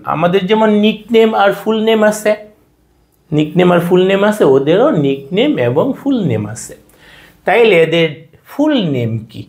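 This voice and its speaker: A man's voice: high-pitched, darkish tone. A man teaching a school math lesson with a Bangladeshi Bengali accent, asking questions and answering them himself and spelling terms letter by letter. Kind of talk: classroom lecture.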